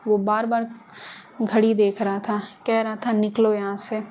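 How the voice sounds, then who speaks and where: A woman's voice: mid-range voice, little pitch movement, measured pace, lo-fi sound, a little hiss or hum, lightly acted. A woman voicing a frightened young woman who speaks in a shaky, pleading way. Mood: tearful. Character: frightened, tearful young woman murder suspect.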